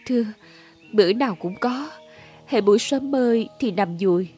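A woman's voice: a little high, animated, normal speed, warm tone, soft background music, close to an everyday voice. A woman playing a poor, sick young widow who answers weakly and humbly. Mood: weary, humble. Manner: weak, humble, respectful.

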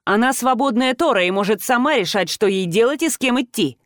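A woman reading the lines of a gentle young man who speaks quietly and reassuringly, in a storybook reading. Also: on the high side, expressive, a little fast, no echo, clean studio sound, natural voice. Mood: calm.

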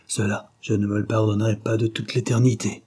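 A man's voice: lowish voice, little pitch movement, fairly quick, a little mellow, breathy edge. A man reading the part of a dying, vengeful villain who sneers and threatens, in an audiobook. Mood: gloating. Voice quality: sneering, menacing.

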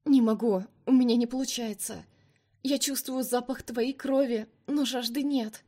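A woman's voice: on the high side, normal speed, darkish tone, voice pushed up, natural voice. Woman doing Lina, a desperate young vampire girl. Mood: angry. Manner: raised, emotional pleading.

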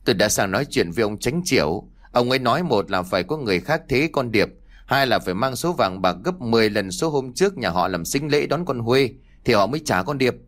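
A man playing a stern middle-aged village father who scolds gruffly in a low voice. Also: expressive, brisk, lightly acted. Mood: gruff scolding.

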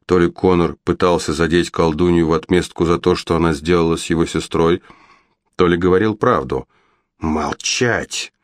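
A man reads a story aloud in a very low voice, with steady, even pacing. The recording is dry and close, with no room sound. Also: a little fast, no room sound. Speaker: audiobook narrator. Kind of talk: scripted narration.

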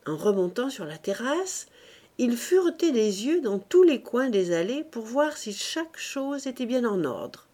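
A woman reading a classic novel aloud as an audiobook narrator, measured and unhurried, lifting her voice for the characters' lines. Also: sing-song, warm tone. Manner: measured, voices characters with raised pitch and volume. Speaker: audiobook reader.

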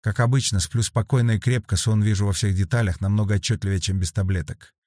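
A man voicing a weary young woman troubled by nightmares, answering in flat, subdued replies. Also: fairly low pitch, fast talker, no echo, clean studio sound, lightly acted.

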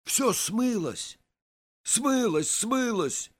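A man voicing an excitable young boy in a children's storybook, his voice pitched high and shrill. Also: very slow, exaggerated voice. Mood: agitated.

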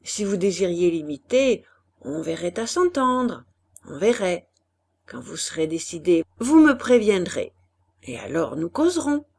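A woman reading the part of a brisk, pushy businessman husband in a storybook, coaxing and insistent. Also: high-pitched, very animated, creaky, voice pushed down, full character voice.

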